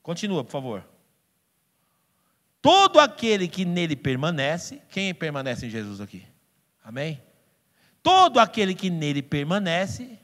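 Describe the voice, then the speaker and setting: A man with a Brazilian Portuguese accent preaching a sermon as a pastor, emphatic and playful, breaking into loud outbursts and mock voices. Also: sits high. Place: church hall. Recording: long hall reverb with faint music.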